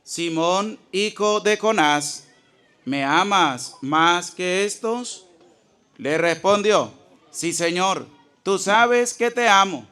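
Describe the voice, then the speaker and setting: A man reading Bible passages aloud in a measured, deliberate way. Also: sits high, lively intonation, sharp tone, smooth. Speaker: scripture reader.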